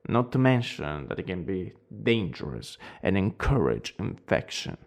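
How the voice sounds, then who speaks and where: A man acts out a plague doctor in a role-play, coldly polite and clinical, with an Italian accent. His mid-pitched voice crackles with gravelly fry. He speaks slowly and formally, with sweeping rises and falls in intonation. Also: sing-song, exaggerated voice. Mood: grave, lecturing. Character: cold, eerily polite male plague doctor.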